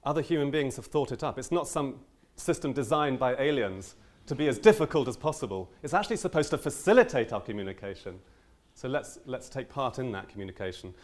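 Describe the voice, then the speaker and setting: Young male teacher, earnest conference speaker, mid-pitched, lots of ums and restarts. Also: animated, brisk. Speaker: language teacher giving a conference talk. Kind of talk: conference talk.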